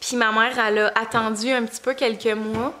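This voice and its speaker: A woman's voice: fairly high pitch, little pitch movement, a little fast, bright, forceful tone, a little hiss or hum. A young woman with a Quebec French accent chats casually in a vlog, her articulation slightly off as if she has just bitten her tongue and it has swollen. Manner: informal, chatty storytelling. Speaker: vlogger and mother.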